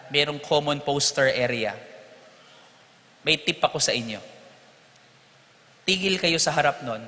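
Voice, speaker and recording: A male priest giving a lively storytelling sermon at Mass in a large church. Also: on the high side. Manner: animated storytelling, mixing in English lines. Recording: echoey church hall.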